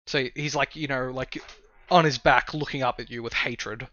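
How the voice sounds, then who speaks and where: A man acting as game master, narrating a tabletop role-playing game in a halting way as he improvises descriptions. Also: medium pitch, fairly even intonation, a bit bright, no echo, dull audio.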